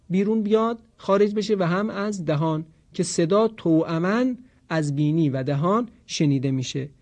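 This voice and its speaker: Man teaching Quran recitation rules. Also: a little high. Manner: explains calmly, then chants examples slowly and drawn out. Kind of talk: teaching lesson with slow recited examples.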